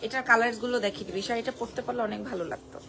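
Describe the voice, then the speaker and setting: A hoarse woman presenting a live-stream sari sale from Bangladesh, gushing over each piece and repeating prices and discounts. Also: a little high, fairly even intonation, very fast, crowd noise. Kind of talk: live-stream sales pitch.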